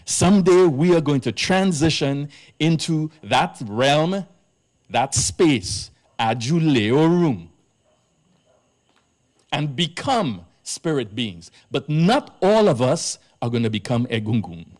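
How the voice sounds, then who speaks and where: A man's voice: fairly high pitch, very animated, takes it slowly, a little mellow. A man from Trinidad, a priest giving an earnest public lecture at a live event in an arts centre, stressing his key words.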